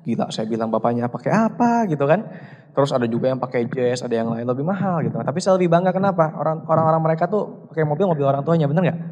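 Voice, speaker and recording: A man's voice: a little high, lively intonation, fast talker, a little mellow, dull audio. Young man giving a seminar talk in a hall. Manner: chatty, asks the audience questions, acts out quoted dialogue. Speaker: business seminar speaker. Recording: long hall reverb.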